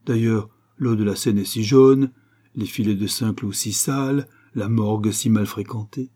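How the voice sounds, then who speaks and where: A man's voice: fairly low pitch, steady tone, a little slow, dark tone, breathy edge. A man voicing a weary, sardonic French aristocrat in a storybook reading, dry and ironic.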